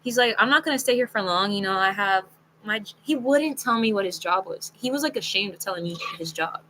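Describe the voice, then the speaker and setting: Bright, chatty young woman telling a story. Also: mid-range voice, brisk, a little hiss or hum, low-quality recording. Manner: chatty, animated and frank, heavy on "like" and swearing. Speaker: storytelling video creator. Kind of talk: casual story-time monologue.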